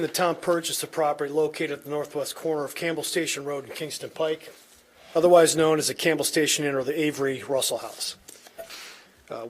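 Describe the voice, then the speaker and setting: Guy with a slightly higher voice reading a formal staff report at a town meeting. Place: public meeting room.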